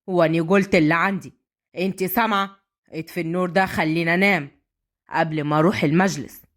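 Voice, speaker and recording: A woman's voice: fairly low pitch, steady tone, fast talker, pitched below the performer's own voice, close to an everyday voice. A woman voicing a stern older village patriarch who speaks in curt commands. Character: stern rural family patriarch, older man.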